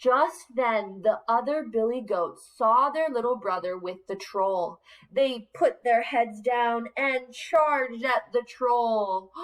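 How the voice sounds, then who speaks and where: A woman's voice: on the high side, slow, poor audio. A woman teacher reading a picture book aloud to young children, coaxing them with questions.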